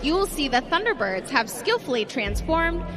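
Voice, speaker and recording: A woman giving scripted airshow commentary in a measured, dramatic announcer style. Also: sits high, very animated. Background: loud music.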